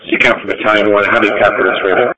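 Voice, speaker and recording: A man speaks in short bursts over a crackly walkie-talkie. His voice is piercingly forceful and rough, with a dry sound, like an officer testing a radio. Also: on the low side, steady tone, rapid-fire, dry recording, dull audio. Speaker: fire battalion officer. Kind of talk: radio check.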